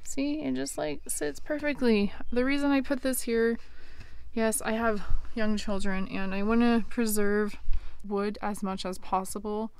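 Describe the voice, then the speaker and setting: Recorded dry on a handheld phone, a woman in her thirties chats through a show-and-tell of her little wooden camper trailer, dropping lots of ums and likes. Her voice is on the high side, steady, unhurried, gravelly, somewhat mellow, and clean.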